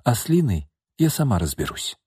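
A man voicing a young heiress who speaks quietly and calmly, in a read-aloud audiobook. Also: medium pitch, brisk, husky, no echo, studio quality, voice pushed up. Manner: quiet, calm and even. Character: calm, quiet young heiress, composed and resolute.

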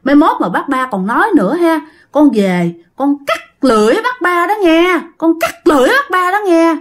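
A woman's voice: very high voice, sing-song, moderate pace, pitched above the performer's own voice. A woman with a Southern Vietnamese accent voicing the ghost of a young girl who pleads and then threatens, repeating herself. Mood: threatening.

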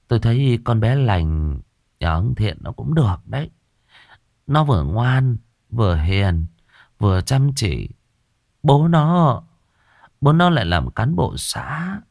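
A man putting on a coaxing village wife, high-pitched. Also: fairly bright tone, no echo, clean studio sound. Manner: pleading, coaxing. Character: fussing middle-aged village wife soothing husband.

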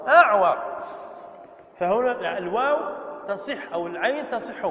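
High-voiced man teaching in an echoey hall. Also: animated, fairly bright tone, a little hiss or hum. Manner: quizzes students with quick questions. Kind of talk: Arabic grammar lesson. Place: mosque hall. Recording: echoey muffled hall recording.

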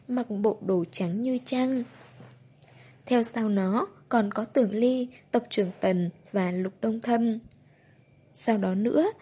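A woman narrating a novel as an audiobook in a steady, even reading voice. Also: mid-range voice, slightly rough.

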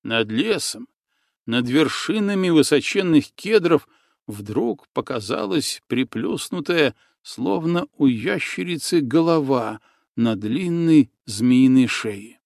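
A man reading a historical adventure novel aloud as an audiobook narrator, with measured storytelling. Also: medium pitch, lively intonation, gravelly, darkish tone, no room sound, clean studio sound. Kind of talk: scripted narration.

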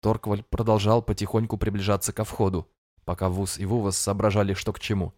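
A man narrating a fantasy audiobook in a measured storytelling manner. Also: on the low side, little pitch movement, darkish tone, dry recording, studio quality.

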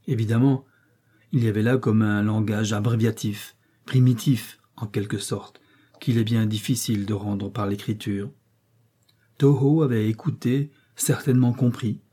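A man narrating an adventure novel in a measured, expressive reading. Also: lowish voice, breathy edge. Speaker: audiobook narrator.

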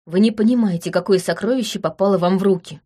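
A woman's voice: medium pitch, fast talker, warm tone, husky, natural voice. A woman reading an audiobook voices an agitated, stubborn young man close to tears. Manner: heated, stubborn, near tears.

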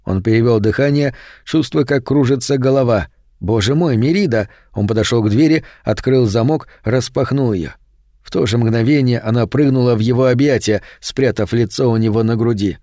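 A man narrating a horror audiobook in a steady, measured way. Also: medium pitch, dry recording, clean studio sound. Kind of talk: scripted narration.

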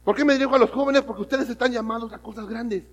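A man preaching a sermon, telling a story and swinging from loud emphatic lines to hushed ones. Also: very high-pitched, quick pace, muffled recording. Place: church hall. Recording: long reverb of a church hall.

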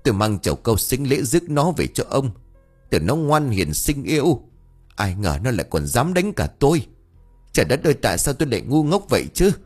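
A man's voice: mid-range voice, very animated, brisk, darkish tone, breathy edge, pitched above the performer's own voice. A man voicing a shrewish, jealous older first wife who scolds shrilly and wails theatrically. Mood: wailing. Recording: faint background music.

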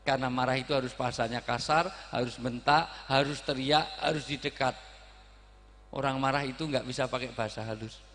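A man giving a humorous sermon, joking and bursting into sudden loud outbursts. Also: mid-range voice, steady tone, fairly quick, big-room sound. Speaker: preacher.

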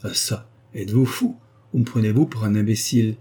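A man's voice: fairly low pitch, brisk, warm tone, slightly rough. A man voicing a miserly old rustic wood merchant who talks bluntly and mockingly, in an audiobook. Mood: gruff.

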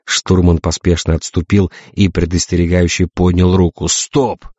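A man narrating an audiobook in a measured, even storytelling manner, from a dull lo-fi recording. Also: low voice, dry recording.

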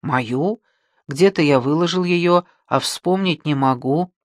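A man's voice: on the high side, takes it slowly, dry recording, studio quality. A man voicing an easygoing, ironic male friend in a raised, teasing voice.

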